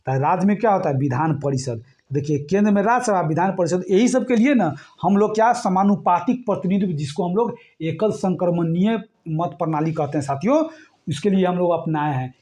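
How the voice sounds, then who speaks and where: Brief: male exam-prep teacher, high voice, keeps asking the class "right?". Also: mellow. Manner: repetitive, keeps checking "ठीक है?" with listeners.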